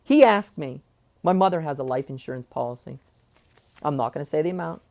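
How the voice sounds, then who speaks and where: An angry young man rants into the camera, swearing freely and veering off on tangents. His voice has a gravelly rasp and swings widely in pitch as he vents. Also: lively intonation, a little fast, darkish tone. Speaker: vlogger. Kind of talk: ranting personal vlog.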